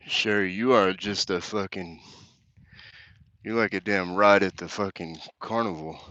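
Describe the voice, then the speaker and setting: A man's voice: low-pitched, fairly even intonation, a little slow, sharp tone, dry recording, lo-fi sound. A man doing a push-up challenge on a live stream, reading chat comments aloud and cursing as he jokes, a little out of breath between sets. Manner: crude, joking, reads chat comments aloud with laughs.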